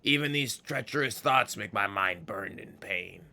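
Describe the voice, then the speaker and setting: An old exiled fiend from a fantasy game, low and gravelly with a sharp, forceful edge. He is scornful and scheming, theatrical like a ghoulish villain, savoring each word and spitting out his disgust. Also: lively intonation, a little slow, heavily acted. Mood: anguished, indignant. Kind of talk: dramatic video game character read-aloud.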